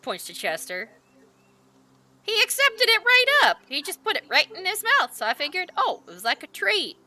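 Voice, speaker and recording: A woman's voice: extremely high pitch, big pitch swings, moderate pace, bright, forceful tone, pitched above the performer's own voice, full character voice. A woman voicing a mischievous old grandmother with a breezy, unbothered manner.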